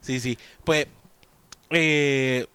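A man co-hosting a casual podcast chat, joking and animated. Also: medium pitch, extremely slow, clear, resonant tone, dry recording. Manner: joking, animated, laughs often. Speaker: podcast co-host.

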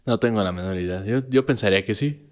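A man's voice: fairly low pitch, fast. A man with a Mexican accent co-hosting a podcast, cracking jokes and explaining casually. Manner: wisecracking, laughs a lot. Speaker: podcast co-host.

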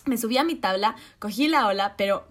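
A woman, co-hosting a podcast and telling a story in a lively, laughing way with slang and quoted asides. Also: medium pitch, fairly quick. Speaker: podcast co-host. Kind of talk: casual storytelling chat.

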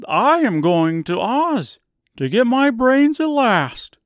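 A man reading an audiobook, voicing an earnest, hopeful male scarecrow in a raised, loud voice. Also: extremely high pitch, big pitch swings, takes it slowly, no room sound, clean studio sound, pitched above the performer's own voice, exaggerated voice. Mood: eager. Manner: bright, loud and eager. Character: eager, earnest male scarecrow, straw-stuffed. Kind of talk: audiobook character voice.

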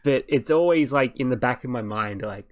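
A young man co-hosting a casual podcast, sounding tired as he rambles through a long story. His voice sits at an ordinary middle pitch, and he laughs along with his own jokes. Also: moderate pace, a little hiss or hum. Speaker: podcast co-host. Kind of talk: casual chat.

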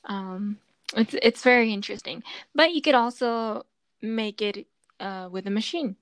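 Chatty and full of fillers and restarts, a female podcast host explains at length in a casual conversation. She has a fairly high, slightly bright voice and speaks at a measured pace, with no room sound.

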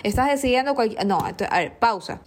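A woman's voice: on the high side, expressive, normal speed. A woman in her thirties, a nutritionist, giving a motivational monologue full of rhetorical questions and mimicked excuses. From Latin America. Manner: emphatic, rhetorical questions, acts out patients' whiny excuses.

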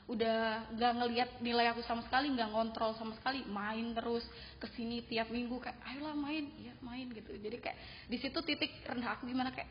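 A young woman student chats casually about her own story, her voice sitting somewhat high. She slips into animated quoted lines as she tells it. The recording is muffled, with a long reverb and a faint hiss behind it. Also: quick pace. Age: young adult. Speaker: university student guest. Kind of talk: casual interview chat. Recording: dull sound with long reverb and faint noise.

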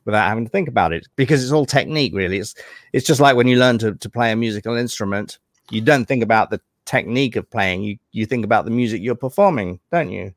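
A man's voice: on the low side, fast, dry recording, clean studio sound. A man, a puppeteer guest, chatting easily in an interview with many fillers. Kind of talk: casual interview chat.

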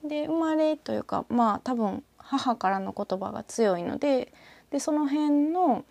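Kansai-accented woman musing out loud, mellow low-key tone with lots of vocal fry, dry close sound. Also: lively intonation, a little slow, dry recording. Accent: Kansai, northern Osaka. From northern Osaka, Japan. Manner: rambling and reflective, with soft trailing asides. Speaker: podcaster. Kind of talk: casual solo talk with a short reading.

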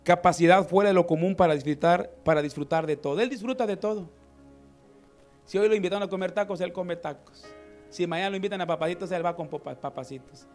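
A man delivers a lively sermon in a notably high voice. He acts out everyday scenes and keeps calling his listeners brother, while soft music plays faintly behind him. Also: quick pace. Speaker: preacher.

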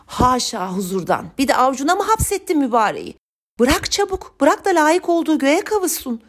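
A woman voicing a sharp-tongued old village wise woman in a storybook reading, scolding and exclaiming in a folksy way. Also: fairly low pitch, animated, fairly quick. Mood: alarmed.

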